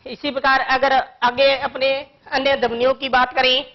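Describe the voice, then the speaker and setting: A woman teaching a grammar lesson to young children, explaining patiently and slowly with one example after another. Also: high voice, little pitch movement, highs cut off.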